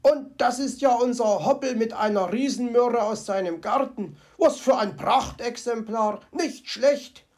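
A woman's voice: a little high, a little slow, hardly any pauses, darkish tone, voice pushed up, natural voice. A woman voicing a cheerful, fussy male fox from a children's storybook who chatters to himself with comic grumbling. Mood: delighted. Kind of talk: storybook character voice.

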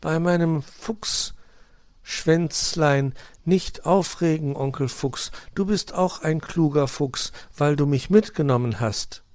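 A man's voice: a little high, slow pace, dry recording, voice pushed up. A man doing an eager young fox boy. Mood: soothing. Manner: eager, bright. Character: cheerful clever young male fox nephew.

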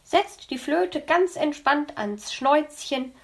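A woman voicing a patient, kindly male character teaching children in an audiobook, coaxing and gentle. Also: sits high, expressive, slow pace, gravelly, pitched above the performer's own voice, exaggerated voice. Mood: coaching. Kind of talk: audiobook reading.

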